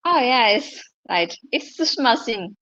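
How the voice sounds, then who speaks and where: A woman's voice: a little high, expressive, takes it slowly, fairly bright tone, highs cut off. A woman from Nepal who works as a nurse, giving brief, hesitant answers as an interview guest.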